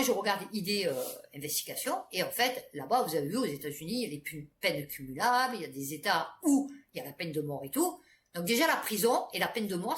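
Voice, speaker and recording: Chatty woman vlogger with a lively voice. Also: medium pitch. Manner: chatty, many fillers and restarts. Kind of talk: casual rambling storytelling to camera. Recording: echoey room with faint background noise.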